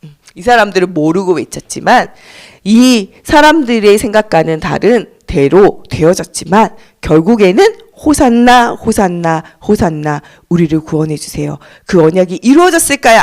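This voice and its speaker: Expressive woman preaching to young children. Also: fairly high pitch. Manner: asks the children questions and leads call-and-response; sing-song and expressive, dropping to soft whispers. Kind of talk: children's Sunday sermon.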